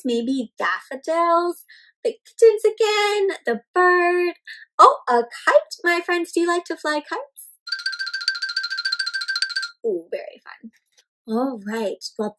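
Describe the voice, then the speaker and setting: Amid houseplants indoors, a young woman with a high voice performs a picture book for small children, captured on a rough recording. She speaks to them as friends, keeps asking them questions, and gives an over-the-top reading full of gasps and elongated words.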